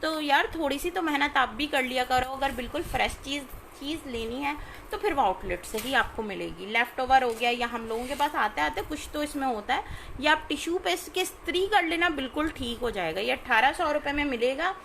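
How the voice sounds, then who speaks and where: A woman, chatting informally as she sells clothes on a live stream and often checking in with her listeners, over clear background noise. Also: high voice, animated, fairly quick, a bit bright. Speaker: live online clothing seller. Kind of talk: casual live shopping sales chat.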